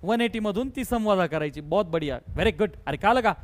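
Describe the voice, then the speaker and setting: A man with a Marathi accent teaching a math lesson, briskly coaxing pupils and drilling them with repeated questions. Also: high voice, expressive. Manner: brisk, coaxing, keeps prompting pupils to answer quickly; repetitive call-and-response questioning. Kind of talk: online class lesson.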